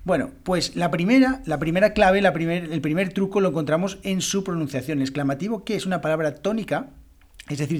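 A man hosts a language podcast and works through a grammar question step by step. He sounds patient and clear, with a voice set a little high for a man, and he says his examples aloud as he goes. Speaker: podcast host teaching Spanish. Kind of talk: explanatory podcast lesson.

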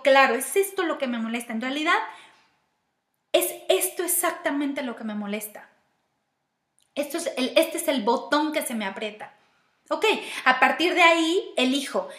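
A high, slightly bright voice belongs to a woman with a Mexican Spanish accent who is giving personal-growth advice. Her talk is reflective, stepping through ideas and asking herself questions aloud, and the room adds echo.

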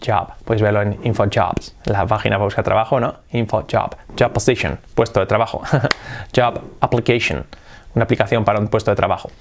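A man's voice: lowish voice, brisk, background noise. A man teaching English in a casual online lesson, acting out short English example lines between his explanations. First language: Spanish. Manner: lively, switches between Spanish and acted English examples.

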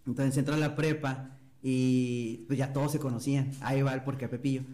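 A man's voice: mid-range voice, level tone, brisk, dark tone. A young man from Mexico, a guest in a casual interview, telling an anecdote and mimicking other people's voices. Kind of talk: casual storytelling.

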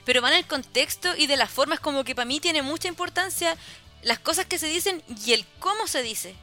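High-voiced Chilean young woman. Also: fairly quick, faint music behind. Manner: animated, tag questions after every phrase. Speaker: podcast co-host. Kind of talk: casual chat.

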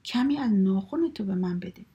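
Woman voices a clever little rabbit, cheeky and coaxing; husky, mellow tone, kids' story. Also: medium pitch, lo-fi sound. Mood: pleading. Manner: pleading, then sings flattery to a drum. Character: small clever male rabbit, bold and cheeky. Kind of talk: children's story reading.

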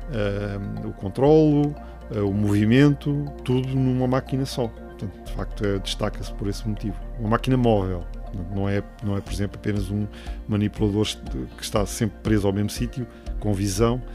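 A man's voice: on the low side, darkish tone. A middle-aged man with a European Portuguese accent explains things step by step in an interview, hesitating and adding tag questions. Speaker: robotics professor, interviewee.

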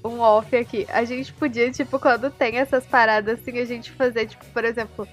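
High-voiced, blunt woman. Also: fairly even intonation, brisk, faint music behind. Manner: blunt, slangy, swears freely. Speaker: podcast co-host. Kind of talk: casual chat about anime.

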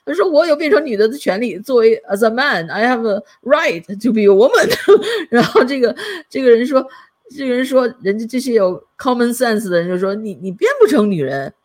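Husky-voiced woman podcast host. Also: fairly high pitch, lively intonation, brisk, darkish tone. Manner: chatty, laughs a lot. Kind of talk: casual chat.

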